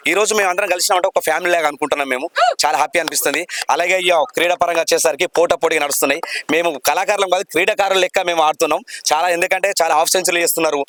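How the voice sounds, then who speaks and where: A man's voice: on the high side, steady tone, very fast, fairly bright tone. A man with a Telangana Telugu accent, an artist and player, speaking fluently to camera as if giving a speech. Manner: fluent, speech-like, addresses viewers. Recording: noisy outdoor event.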